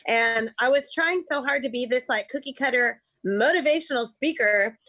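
A woman's voice: high-pitched, moderate pace, bright, forceful tone. A woman hosting a casual conversation, upbeat and chatty, talking like a Valley girl. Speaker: podcast host, inspirational speaker.

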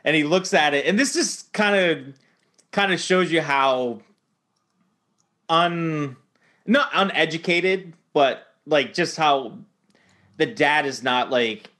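A man's voice: on the high side, takes it slowly, pauses often. A young man co-hosting a podcast, chatting casually and acting out movie lines as he retells them. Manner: animated storyteller, acts out movie lines. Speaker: podcast co-host. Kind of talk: casual chat.

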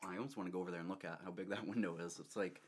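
A man's voice: low-pitched, fairly even intonation, very fast, darkish tone, husky. A young man casually telling a rambling story, laughing often and restarting his sentences. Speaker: storyteller co-host.

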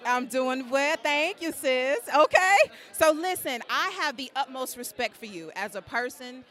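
Woman doing gushy red carpet chatter, super familiar, bright forceful voice. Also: sits high, expressive, measured pace. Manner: gushing, effusive, familiar. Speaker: red carpet correspondent and interviewer. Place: outdoor red carpet event.

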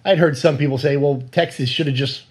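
A man's voice: a little high, steady tone, brisk, slight background noise. A man hosting a sports podcast, chatting casually and steering the talk with questions. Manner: conversational, leads the questions. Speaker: podcast host.

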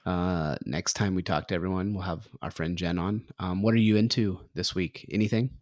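Low-voiced guy hosting a podcast, easygoing and full of ums and uhs. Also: steady tone, normal speed, a little mellow, no echo, clean studio sound. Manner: hesitant, filler-heavy, easygoing. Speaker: podcast host. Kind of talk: casual chat.

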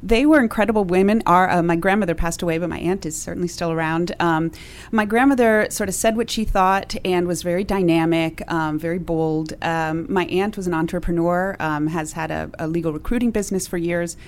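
A woman's voice: on the low side, fairly even intonation, a little fast. A woman from Peru raised in Miami, president of a professional association, giving brief friendly interview answers. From born in Peru, raised in Miami.

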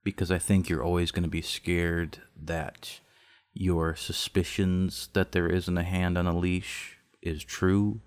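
Very deep-voiced calm young man. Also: measured pace, clear, resonant tone. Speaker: podcast co-host. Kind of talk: casual intimate conversation.

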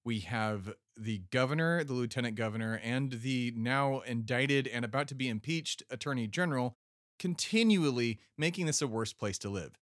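A man rants heatedly into a voice message, swearing and pushing his words hard. His voice sits at an ordinary pitch. The recording is dry with no room sound. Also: normal speed, no echo. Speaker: caller. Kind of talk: angry voice-message rant.

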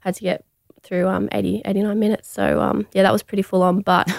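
Young aussie woman chatting on a podcast, flat-ish gravelly voice, lots of ums. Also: medium pitch, fast talker, no room sound, clean studio sound. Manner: relaxed, many "um"s and restarts. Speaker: guest, athlete. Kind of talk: casual interview chat.

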